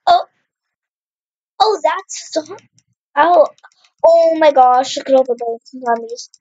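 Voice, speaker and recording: Her voice sits high, a little slow and a little mellow, as this young woman casually talks through her own Minecraft playthrough for her gaming channel. She exclaims at the action and has a slight cough, clearing her throat. The recording is muffled.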